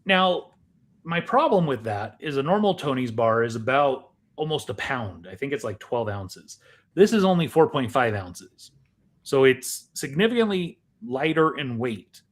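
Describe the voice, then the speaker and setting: This middle-aged podcast co-host tastes snacks during relaxed, talkative banter. He speaks at a measured pace in a medium-pitched, very animated voice.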